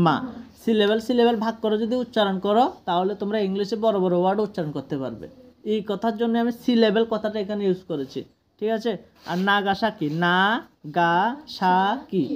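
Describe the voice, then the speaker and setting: A teacher with a Bangladeshi accent, explaining an English text slowly, word by word, and often checking with the class. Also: mid-range voice, darkish tone. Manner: explains each word slowly, often asks "ঠিক আছে?".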